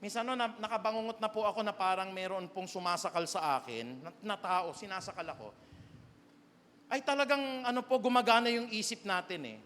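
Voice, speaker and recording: A man with a Filipino accent, preaching a sermon as pastor, swinging from quiet storytelling to loud emphatic calls. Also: high-pitched, a little fast, in a large hall, a little hiss or hum. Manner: preaches in Tagalog with English phrases, rising to loud emphatic calls. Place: church sanctuary.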